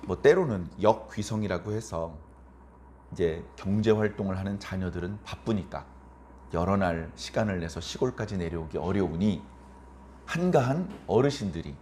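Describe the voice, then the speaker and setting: A man's voice: lowish voice, warm tone, a little hiss or hum. A man preaching a Sunday sermon as pastor, speaking conversationally, asking rhetorical questions and acting out quoted elderly parents.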